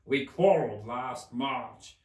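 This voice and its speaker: A man's voice: mid-range voice, slow pace, darkish tone, pitched above the performer's own voice, natural voice. A man voicing an eccentric, huffy and mournful male storybook Hatter, with an emphatic, theatrical and contemptuous manner. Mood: dramatic. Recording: roomy, distant microphone.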